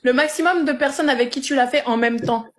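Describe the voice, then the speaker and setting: Woman, 30s, from France, high voice, playful cheeky guest. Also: brisk. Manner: playful, cheeky, unfazed comebacks.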